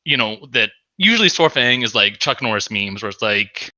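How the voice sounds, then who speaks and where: Bright, sarcastic podcast co-host man. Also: on the low side, animated, normal speed, dry recording, dull audio. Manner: sarcastic, profane, explains game lore in detail. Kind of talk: casual drunk podcast banter.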